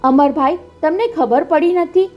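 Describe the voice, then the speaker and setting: Woman reading as a grieving older mother, crying, high voice, audiobook. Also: measured pace, lo-fi sound, faint music behind. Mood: grief-stricken.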